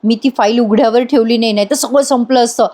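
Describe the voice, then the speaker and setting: A woman's voice: a little high, steady tone, quick pace, warm tone, lightly acted. Woman reading a flustered evasive young man. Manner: stammering excuses.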